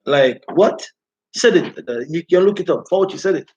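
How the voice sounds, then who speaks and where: High-pitched man, rasta-style talk. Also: lively intonation, normal speed, darkish tone, dull audio. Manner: repeatedly checks listeners follow. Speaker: host of a live talk stream. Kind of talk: informal live commentary, reading out viewer comments.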